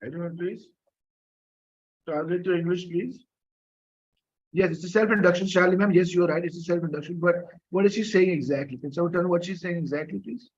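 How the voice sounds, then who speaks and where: Husky male French teacher on a call. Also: high-pitched, fast talker, dull audio. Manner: patient, coaxing students, many fillers and coughs. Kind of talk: live online class lecture.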